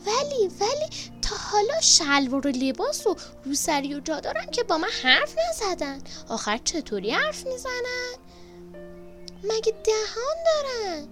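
Woman playing an eager little girl, bright high voice, bouncy questions, music playing behind. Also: lively intonation, natural voice. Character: excited curious little girl. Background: background music.

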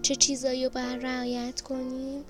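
A woman voicing a gentle, patient mother who calmly explains and praises her daughter. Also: high voice, natural voice. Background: background music.

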